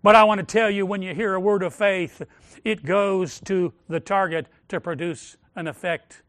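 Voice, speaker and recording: Man, pastor, high voice, dry close sound, sermon, declaring and praying, swings loud to hushed. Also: steady tone, moderate pace, dry recording.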